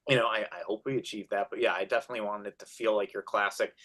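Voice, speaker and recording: Guy about thirty, bright voice, animated, talking about his movie, lots of um and like. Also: on the low side, racing. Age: 30s. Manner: animated, many restarts and fillers. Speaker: film writer and director, guest. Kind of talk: casual interview chat.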